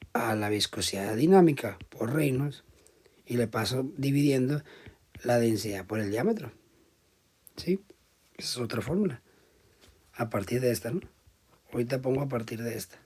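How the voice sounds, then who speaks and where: A man giving a classroom lecture, explaining step by step and often checking in with the class, his volume swinging between loud emphasis and quiet asides. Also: medium pitch, expressive, normal speed, long pauses. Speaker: teacher.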